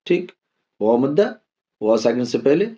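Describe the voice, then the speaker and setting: A man teaching Quran reading as a step-by-step lesson, patiently spelling out letters slowly and repeating each drill. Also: mid-range voice, lively intonation, mellow.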